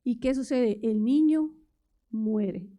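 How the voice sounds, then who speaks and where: A woman's voice: fairly high pitch, slow, warm tone. A woman preaching a sermon at a church service, talking in a conversational way and putting many rhetorical questions to the congregation. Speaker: lay preacher.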